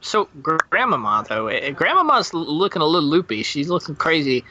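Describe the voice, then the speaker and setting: A man's voice: a little high, brisk, lo-fi sound, background noise. A man joining a podcast as a guest, telling a comic story with lots of swearing and stumbling restarts. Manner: profane, stumbling, excitable. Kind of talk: improvised comedic storytelling.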